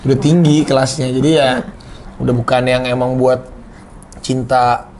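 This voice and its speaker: A man's voice: mid-range voice, flat delivery, moderate pace, darkish tone, a little hiss or hum. A man in his thirties in a casual chat, playful and laughing, explaining his points through made-up everyday examples. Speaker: co-host.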